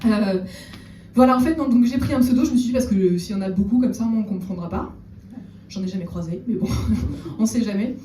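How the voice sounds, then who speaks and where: A woman doing a stand-up comedy set on stage, chatting with the audience and slipping in deadpan ironic asides. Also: mid-range voice, fairly quick. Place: theater stage before a live audience. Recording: roomy echo, distant mic, audible room noise.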